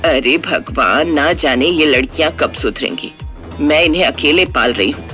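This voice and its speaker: Woman doing a low, fretful ghost-witch mother. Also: moderate pace, pushed and bright, soft background music. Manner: low, fretful, scolding muttering. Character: worried widowed mother turned ghostly witch.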